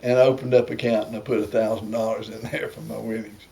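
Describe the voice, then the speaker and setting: A man's voice: lowish voice, little pitch movement, fast, vocal fry, mellow. An older man with an Appalachian Southern accent, telling rambling, folksy anecdotes in casual conversation. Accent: Appalachian Southern American. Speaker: storyteller sharing family memories.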